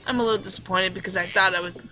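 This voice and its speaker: A woman's voice: mid-range voice, steady tone, rapid-fire, pushed and bright, faint music behind, lightly acted, low-quality recording. A woman voicing a flustered, overeager teenage boy protagonist while reading a visual novel aloud, in a melodramatic inner-monologue manner.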